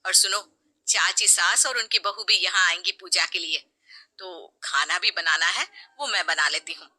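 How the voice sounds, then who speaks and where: A woman voicing a kind middle-aged mother-in-law who speaks softly and patiently. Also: mid-range voice, sing-song, unhurried, full character voice. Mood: gentle. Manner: soft, patient, explaining.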